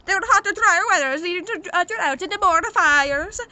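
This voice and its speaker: A woman's voice: very high voice, moderate pace, pushed and bright, heavily acted. A woman playing a goofy male TV weatherman who rambles through absurd reports, full of ums and uhs. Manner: rambling, filler-heavy, absurd bluster. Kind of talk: amateur mock newscast.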